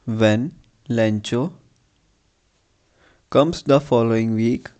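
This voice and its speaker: Slow-speaking man reading out a dictation. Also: medium pitch, a little mellow. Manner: deliberate, phrase by phrase with repetition. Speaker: English teacher giving dictation. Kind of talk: slow dictation with repeated phrases.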